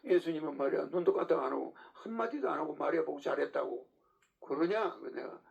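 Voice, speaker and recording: A man delivers a sermon in a loose, conversational lecturing style, firing rhetorical questions at his listeners. His voice sits fairly high and has a gravelly rasp. The recording sounds muffled and lo-fi. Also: a little fast. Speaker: preacher. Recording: dull lo-fi recording.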